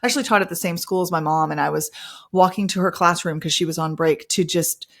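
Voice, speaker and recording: A woman's voice: fairly low pitch, quick pace. A woman hosting a podcast, telling personal stories in a chatty way and acting out playful quotes. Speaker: podcast host; mother of several children. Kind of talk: casual podcast monologue.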